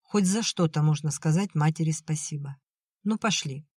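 A reader voicing a curt, sharp-tongued young woman in an audiobook. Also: mid-range voice, normal speed, slightly rough, dry recording, close to an everyday voice. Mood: teasing. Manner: curt and cutting.

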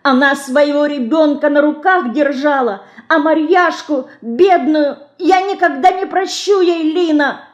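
A woman's voice: unhurried, hardly any pauses, roomy sound, highs cut off. A woman voicing a desperate little girl who cries out in tears and anger in an audiobook. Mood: tearful fury. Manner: shrill, crying out.

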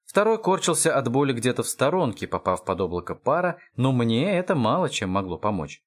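A man reading an audiobook with wry, expressive scripted narration. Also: medium pitch, fairly quick.

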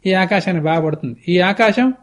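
High-voiced man telling a scripture story. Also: a little fast. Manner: conversational, explanatory, with lively asides. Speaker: spiritual teacher. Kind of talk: religious discourse with storytelling. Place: TV studio.

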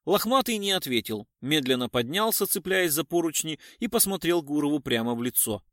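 A man narrating an audiobook in an even storytelling manner. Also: on the high side, brisk, no room sound, clean studio sound.

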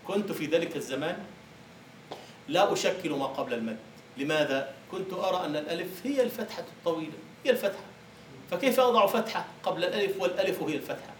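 A man's voice: high-pitched, animated, quick pace, a little hiss or hum. A male university lecturer teaching a class, explaining by asking the students questions and answering them himself. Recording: echoey room from far off.

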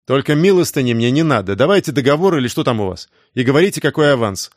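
A man's voice: mid-range voice, big pitch swings, fast, no echo, studio quality. A man voicing a brash, mocking older brother. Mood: gruff. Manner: loud, exasperated outbursts.

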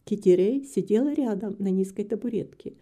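Dark-voiced woman reading a novel. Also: mid-range voice, a little fast. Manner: calm, even storytelling. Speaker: audiobook narrator. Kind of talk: scripted narration.

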